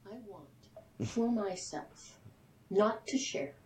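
A woman slowly listing the foods she wants, her voice given reverb so it sounds like it comes through a loudspeaker. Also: medium pitch, animated. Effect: added reverb, like a voice through a loudspeaker. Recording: reverberant clip with faint background hum.

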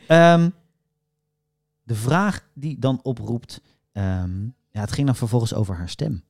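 A man's voice: medium pitch, expressive, slow pace, darkish tone, dry recording, studio quality. A man co-hosting a casual talk show, explaining things with many hesitations and fillers. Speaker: podcast co-host, voice expert. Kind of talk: casual discussion.

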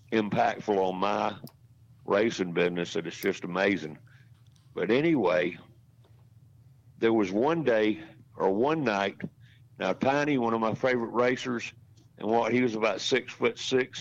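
A man in his sixties, a racetrack announcer, telling rambling, folksy stories as a podcast guest. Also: lowish voice. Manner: folksy, rambling anecdotes with restarts. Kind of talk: casual storytelling in a podcast interview. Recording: dull lo-fi audio.

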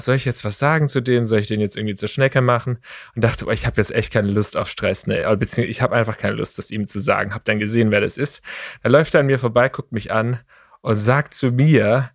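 Male podcast co-host, lively storyteller, dry close mic. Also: no echo. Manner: animated storyteller, jumps high when quoting himself. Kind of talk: casual chat.

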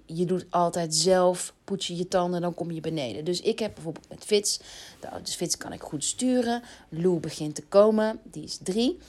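A woman in her thirties with a Dutch accent, hosting a podcast and giving casual advice in a chatty way, with many fillers and self-corrections. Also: on the low side. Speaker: podcast host.

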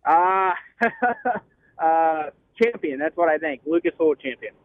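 A man's voice: high voice, sing-song, no echo. Man on a tinny phone line. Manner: halting, repeats words, many fillers. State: talking on the phone while driving. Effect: heard over a phone line. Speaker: racing driver guest. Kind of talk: casual phone interview.

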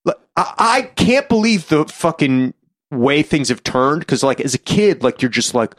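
A man's voice: fairly high pitch, lively intonation, unhurried. A man co-hosting a movie podcast, recapping the plot in a rambling, profane way with lots of fillers. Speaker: podcast co-host. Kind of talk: casual movie-review banter.

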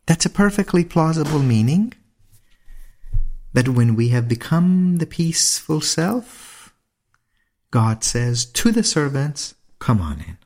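A man giving a slow, reflective spiritual talk on mysticism, with deliberate phrasing and dramatic pauses. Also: on the high side, expressive, darkish tone. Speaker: lecturer on mysticism.

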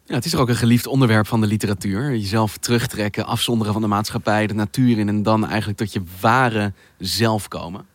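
Male host, low voice, well-spoken, dry studio sound, faint music behind. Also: steady tone, fast, dry recording. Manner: articulate, literary phrasing. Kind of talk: thoughtful interview questions.

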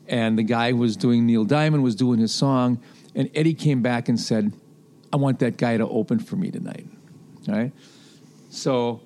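Dark-voiced man telling lively stories. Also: mid-range voice. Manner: animated anecdote teller, acts out quotes. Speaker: festival booking executive. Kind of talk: storytelling interview.

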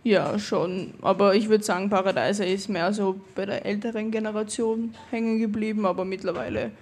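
A woman's voice: mid-range voice, steady tone, a little fast, darkish tone. A young woman from Vienna with an Austrian German accent, chatting casually as a guest footballer in an interview. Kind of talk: casual conversation at a live audience event.

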